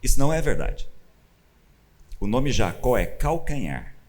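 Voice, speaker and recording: A Brazilian man preaching in a conversational teaching style, animated and acting out the people he quotes. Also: mid-range voice, measured pace. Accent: Brazilian Portuguese. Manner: animated, acts out quoted voices with rising emphasis. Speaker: pastor. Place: church stage.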